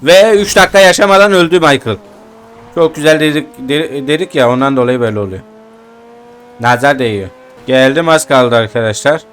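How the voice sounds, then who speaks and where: A young man doing casual let's-play commentary for his channel. He is excitable and swears freely, and he keeps calling out to his viewers. His voice sits at an ordinary middle pitch for a man. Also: a little fast, faint music behind. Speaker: gaming channel host.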